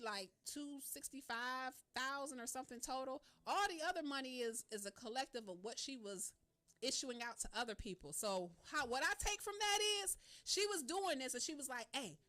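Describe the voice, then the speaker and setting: A woman hosting a radio show, talking casually with lots of slang, laughter and swearing. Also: high-pitched. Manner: animated, slangy, laughs often, swears freely. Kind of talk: casual talk radio monologue.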